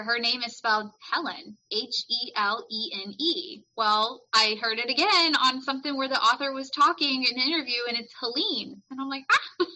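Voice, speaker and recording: A woman talking casually about books, animated and laughing at herself for mispronouncing character names, then reading a book summary aloud. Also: on the high side, poor audio.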